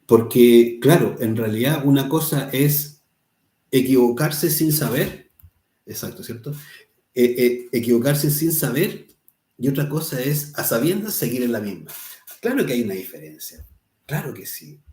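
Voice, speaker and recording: A man's voice: mid-range voice, expressive, a little slow, mellow, roomy sound. A man teaching a spiritual lesson, talking conversationally, often tagging "¿cierto?" and quoting people. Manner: conversational, tags "¿cierto?" often, quotes people in little voices. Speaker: course teacher. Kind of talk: spiritual lesson answering a student.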